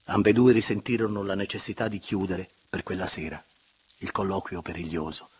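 A male narrator reads a classic novel with measured, expressive delivery. His voice is low and distinctly breathy, almost husky, and now and then drops into a hush. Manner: measured, expressive, sinking to hushed tones. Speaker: audiobook narrator. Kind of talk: literary audiobook reading.

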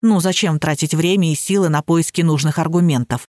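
A woman's voice: low voice, fairly quick, a little mellow, dry recording, clean studio sound, pitched below the performer's own voice, lightly acted. Woman reading as a smug young hacker guy. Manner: smirking and jokey.

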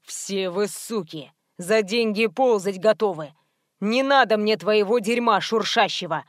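A woman voicing a rude, menacing young male thug in an audiobook, with a slow, low, threatening drawl. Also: no room sound, clean studio sound, lightly acted. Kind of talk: audiobook reading.

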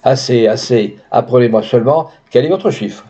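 A man's voice: mid-range voice, normal speed, mellow, natural voice. A man voicing a stern, grieving older doctor and father who speaks firmly, in an audiobook with dull lo-fi sound. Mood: indignant. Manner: firm, indignant.

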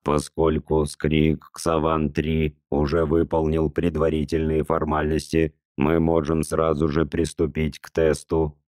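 A relentless machine tester speaks in an audiobook. Its metallic, mechanical voice sits extremely low and never rises or falls, crawling out word by word. The sound is close and completely dry. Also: male voice, no room sound. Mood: cold, mechanical. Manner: slow, monotone, deep droning delivery. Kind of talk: audiobook character reading.

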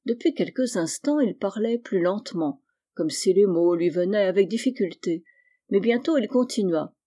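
An audiobook reader narrating a novel in a measured, expressive way. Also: medium pitch.

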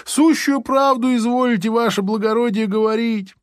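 A man voicing a servile convict who begs in a high, whining, pleading way, in a storybook reading. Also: moderate pace, clear, resonant tone, no echo, studio quality. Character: pleading young male convict.

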